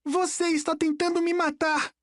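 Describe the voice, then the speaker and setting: A woman's voice: extremely high pitch, little pitch movement, moderate pace, dry recording, pitched above the performer's own voice. Young boy screaming near tears, voiced by a woman, Brazilian accent, bitter, dry close sound. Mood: accusing. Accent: Brazilian Portuguese. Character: furious grieving young boy, bitter and wild.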